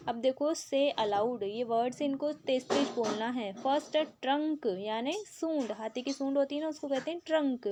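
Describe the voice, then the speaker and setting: A woman teacher with an Indian accent, explaining an English lesson in Hindi and reading English lines out slowly. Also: high-pitched, a little mellow.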